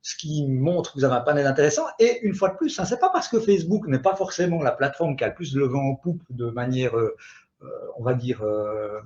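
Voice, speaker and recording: A man's voice: mid-range voice, expressive, fairly quick, darkish tone, lo-fi sound. A man with a Swiss French accent presenting a webinar on digital marketing, emphatic, with frequent asides. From Switzerland. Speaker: guest speaker on digital marketing.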